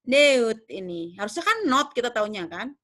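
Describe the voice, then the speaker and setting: A young woman teaching English pronunciation in a class, drilling words slowly and checking that students follow. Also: a little high, a bit bright. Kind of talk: online pronunciation lesson.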